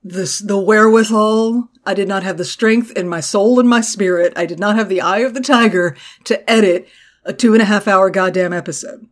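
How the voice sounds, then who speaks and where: A woman's voice: mid-range voice, normal speed. A woman from Texas with allergy congestion, co-hosting a casual comedy podcast in an irreverent, joking, sweary way. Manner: irreverent, salty-tongued, joking. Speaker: podcast co-host.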